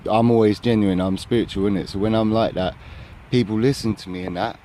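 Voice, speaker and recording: A man's voice: lowish voice, steady tone, a little fast, dark tone, a little hiss or hum. A man rambling through a spiritual vlog, filling his talk with tag questions, recorded outdoors on a handheld phone. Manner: rambling, filler-heavy, tags lines with "innit, yeah?". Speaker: vlogger. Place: outdoors in an urban area. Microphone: handheld phone camera.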